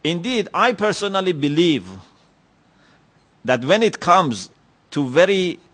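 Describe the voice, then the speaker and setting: A reflective man whose first language is Persian gives a religious lecture in a lecture hall. His voice is high, expressive and a bit bright, and his delivery is measured, with many pauses and "you know" fillers.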